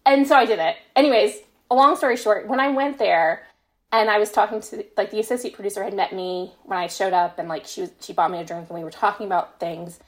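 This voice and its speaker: She talks fast in a mid-range voice with fairly even intonation, a young American podcast guest who writes fan fiction. Her casual conversation is full of personal anecdotes, delivered modestly and self-deprecatingly.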